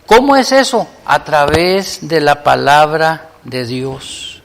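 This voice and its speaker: A man, preaching a sermon as pastor, moving between loud appeals and hushed prayer. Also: fairly high pitch, sing-song, slow, gravelly, long reverb tail.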